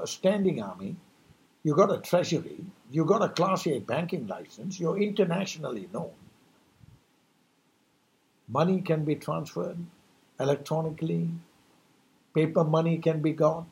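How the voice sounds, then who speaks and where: Giving a New Year monologue, this emphatic, preachy man speaks in a fairly high, slightly mellow voice. He drives each point home with passion and keeps tossing out rhetorical questions.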